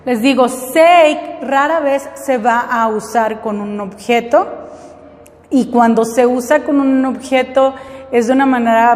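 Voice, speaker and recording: A woman's voice: on the high side, darkish tone, in a large hall. A woman teaching English, explaining step by step and often checking that her students follow. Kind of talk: classroom lesson.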